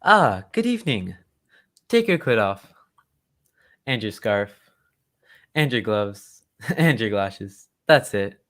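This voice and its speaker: An actor playing a genial, loyal and excitable English gentleman doctor who tells stories in old-time radio drama style. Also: lowish voice, slow, pauses often, heavily acted. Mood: genial, welcoming. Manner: genteel, old-fashioned storytelling.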